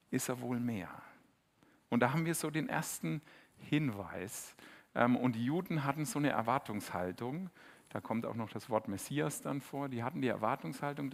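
A middle-aged man preaching a sermon in a lively, conversational way, acting out the quotes he tells. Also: mid-range voice, vocal fry.

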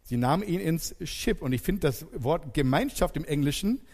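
A man preaching a sermon. He talks straight to his congregation and uses dramatic pauses, dropping soft and then building loud. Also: fairly high pitch, expressive, long reverb tail.

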